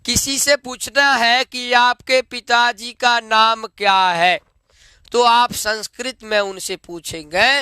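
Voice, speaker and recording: A man's voice: very high voice, fairly even intonation, pushed and bright, clean tone, dry recording, clean studio sound. A man teaching Sanskrit grammar, reciting noun forms one by one and checking that students follow. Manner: slow, drilled recitation of forms with checks for understanding.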